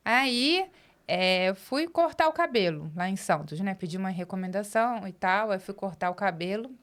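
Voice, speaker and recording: A Brazilian woman guest in an interview, telling her story casually and acting out the dialogue she recounts. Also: mid-range voice. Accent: Brazilian Portuguese. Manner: animated, acts out quoted dialogue.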